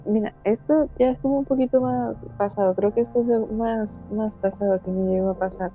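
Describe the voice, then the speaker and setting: A woman's voice: on the high side, steady tone, brisk, dark tone, lo-fi sound, soft background music. A female guest recounts her eerie experiences casually, in a thoughtful, hesitant way, searching for words. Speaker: guest storyteller.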